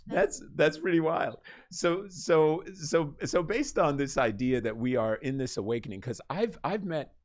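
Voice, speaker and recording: A man's voice: on the high side, animated, unhurried. A man from Costa Rica hosting a radio talk show, asking questions in a chatty, joking way with many restarts. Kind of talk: casual interview chat.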